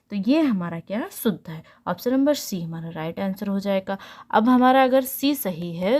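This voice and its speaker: A woman's voice: mid-range voice, dark tone. A woman teaching a spelling lesson online, repeating each answer and asking herself questions before she answers them. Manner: repeats answers, asks and answers her own questions. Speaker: Hindi exam tutor.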